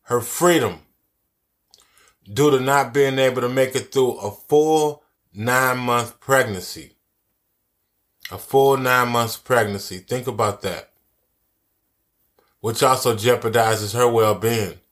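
A man's voice: mid-range voice, slow pace, long pauses, a bit bright. A man giving angry social commentary, cursing a lot and repeating his key phrases for emphasis. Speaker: commentary vlogger.

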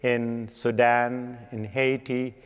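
Male priest, solemn liturgical recitation, measured phrasing, medium pitch, long cathedral-like reverb. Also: flat delivery, smooth. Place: large reverberant church.

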